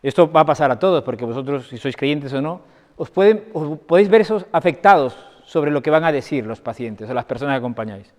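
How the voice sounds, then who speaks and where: A man's voice: a little high, expressive, quick pace, a little mellow. A man, a doctor, giving a conversational talk to an audience and telling anecdotes while checking that his listeners follow. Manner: conversational, anecdotal, often asks the audience for agreement. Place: parish hall. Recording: long reverb of a hall.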